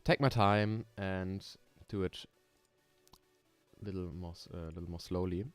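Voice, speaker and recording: Low, smooth and steady, a young German-accented man talks a little slowly during a casual live stream chat, with no echo and faint music in the background. He builds roller coasters and thinks out loud, dropping many ums and small laughs over the sound of keyboard typing.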